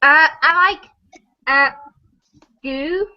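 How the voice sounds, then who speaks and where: A woman's voice: high voice, extremely slow, highs cut off. A woman guest on a live chat show, talking hesitantly and filling her speech with "like". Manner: hesitant, lots of "like". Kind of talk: casual chat.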